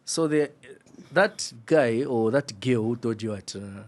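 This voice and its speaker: A man's voice: medium pitch, lively intonation, measured pace, darkish tone. A man co-hosting a podcast in casual chat, explaining points earnestly and teasing his co-host.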